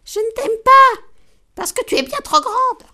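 A woman voicing a small cheeky female ant in a storybook reading, shrill and indignant. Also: measured pace, sharp tone, heavily acted. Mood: insulting.

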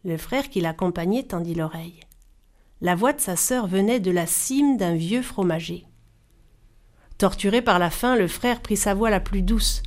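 A woman storyteller reading a folktale aloud in a measured, expressive style. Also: medium pitch. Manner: measured, animated voices for characters.

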